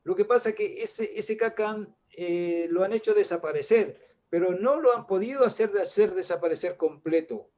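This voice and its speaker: An older man with a Chilean accent and a high voice speaks as a guest artist in a casual panel discussion, reflective and wandering, full of restarts and fillers. He talks at normal speed with a darkish tone. The audio is muffled and low-fidelity, like an online call.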